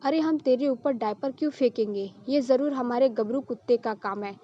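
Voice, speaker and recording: A woman's voice: sits high, moderate pace, lightly acted. A woman voicing a blunt, defensive older mother-in-law, on a dull lo-fi recording.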